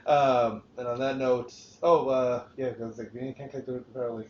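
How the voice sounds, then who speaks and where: A man hosts a casual podcast chat, rambling, swearing freely and restarting often. His mid-range voice is a little mellow, and the roomy, dull lo-fi recording has some hiss or hum.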